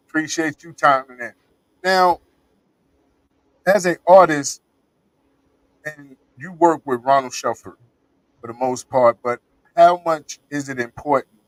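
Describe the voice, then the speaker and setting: A man hosting a casual interview show, upbeat and giving shout-outs to viewers. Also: fairly high pitch, no room sound, low-quality recording. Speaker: show host.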